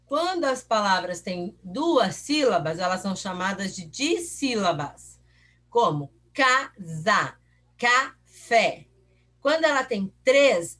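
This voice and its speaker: A woman teacher, giving a recorded review lesson for pupils. She asks the class questions patiently and stretches out example words syllable by syllable. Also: medium pitch.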